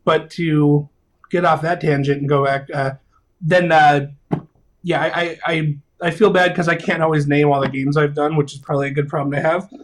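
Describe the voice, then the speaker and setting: A video game composer in his thirties chats casually in an interview, with a fairly high pitch at a moderate pace. He rambles excitably, using lots of fillers and restarts.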